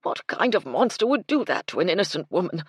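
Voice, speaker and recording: A woman narrator voicing a grief-stricken aristocratic widower with a hoarse voice. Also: fairly low pitch, sing-song, brisk, dry recording, studio quality, voice pushed up. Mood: anguished. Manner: anguished, breaking outbursts.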